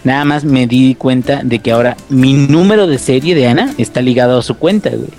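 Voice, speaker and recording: Mexican male co-host, mid-pitched, rambling, jokey, slangy and profane, faint music behind. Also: a little fast, darkish tone. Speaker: podcast co-host. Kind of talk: casual storytelling chat. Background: background music.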